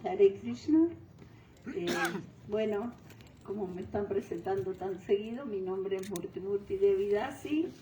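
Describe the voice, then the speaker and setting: Older woman, from Venezuela, mellow voice, distant echoey hall recording. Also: medium pitch, slight background noise. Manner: unhurried, searching for words, frequent fillers. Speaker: guest speaker. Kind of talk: devotional talk. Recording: distant mic in roomy hall.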